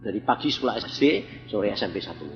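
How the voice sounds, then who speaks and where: Soft music plays behind a fast-talking older man with a fairly low, animated voice and a Javanese accent, from Central Java, Indonesia. As an evangelist giving a sermon testimony, he's blunt and voices the people in his stories; the recording is reverberant and dull, lo-fi.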